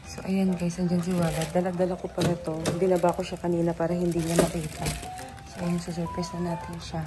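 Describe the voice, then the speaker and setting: A young Filipina vlogs casually from a messy bedroom, speaking a little fast in a lowish voice with music in the background. Her voice sounds worn out from tiredness, yet she's excitable, teasing and laughing a lot throughout the chat.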